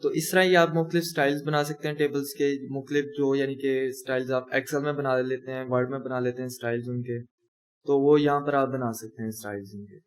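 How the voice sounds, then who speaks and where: A man's voice: mid-range voice, level tone, fairly quick. A young man teaching a coding lesson, talking through each step as he types and correcting himself as he goes. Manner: talks through each step while typing, self-correcting. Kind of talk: screen-recorded coding tutorial.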